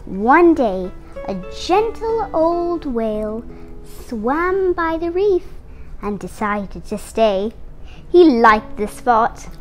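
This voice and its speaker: Over instrumental music, an eight-year-old girl reads a picture book aloud like a young storyteller, with careful, dramatic phrasing. Her female voice sits a little high, swings widely in pitch, and moves at a slow pace.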